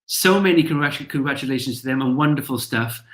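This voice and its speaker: Welsh man, awards host, upbeat announcer, echoey room, mid pitch. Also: fast talker, a bit bright. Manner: upbeat, announcing names with emphasis.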